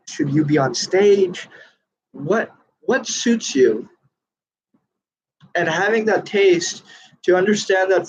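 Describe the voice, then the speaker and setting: There's a little hiss or hum on this lo-fi clip of a high-voiced man. Speaking casually to camera, the magician reviews a book in an earnest, meandering way, stumbling over fillers and restarts.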